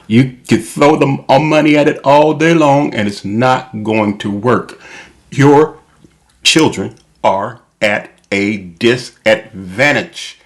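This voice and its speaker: A man delivering an opinion monologue as a channel host, emphatic and repetitive, spelling his points out deliberately. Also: medium pitch.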